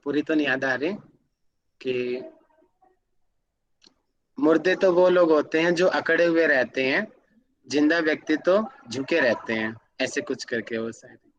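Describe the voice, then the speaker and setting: A man's voice: on the high side, a little slow, long pauses, highs cut off. A man teaching an online class, explaining with examples and putting questions to his students. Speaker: yoga academy teacher.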